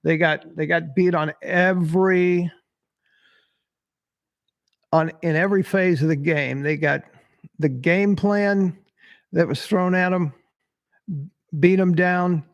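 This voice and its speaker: A high-pitched man drawling through his commentary at an unhurried pace. He talks bluntly, cusses freely and chuckles at his own stumbles. The sound is close and dry, with no room around it. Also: fairly even intonation, no echo, highs cut off. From Tennessee. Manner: blunt, swearing, laughing at himself. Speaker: sports podcast host. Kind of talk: casual live-stream commentary reading chat.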